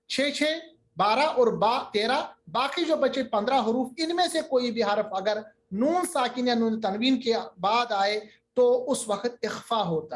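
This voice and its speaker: Patient man teaching Quran recitation. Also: extremely high pitch. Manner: patient, repeats terms, draws out recited examples slowly. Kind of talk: online tajweed lesson.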